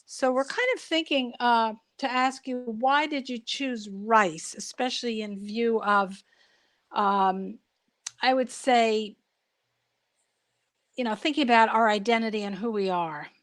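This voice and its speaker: A woman moderating a panel over a video call without her camera, talking warmly with many fillers. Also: fairly high pitch, unhurried. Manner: warm and chatty, with hesitant fillers. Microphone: video call, audio only.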